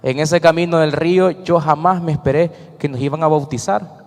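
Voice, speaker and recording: Salvadoran man, slightly high voice, earnest church testimony, reverberant hall. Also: steady tone, moderate pace. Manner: earnest, storytelling with acted quotes. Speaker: church member giving testimony. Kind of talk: emotional personal testimony to a congregation.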